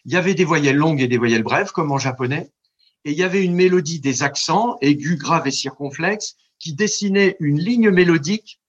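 Man, scholarly guest, husky slightly high voice, dull lo-fi sound, rambling and stammering. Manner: digressive, stammering restarts, lively demonstrations of recited verse. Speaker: translator and scholar of ancient Greek. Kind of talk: radio interview, explaining at length.

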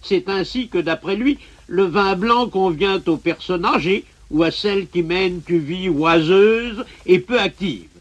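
Male archive radio narrator, high pitch, formal lecturing delivery, muffled lo-fi sound. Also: unhurried, hardly any pauses. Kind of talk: old radio scripted narration. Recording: dull lo-fi archive radio recording.

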